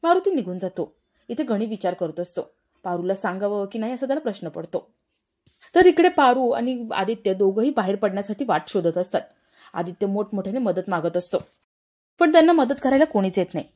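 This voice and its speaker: A woman narrating a television serial recap in a plain, steady storytelling way. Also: mid-range voice, a little fast. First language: Marathi.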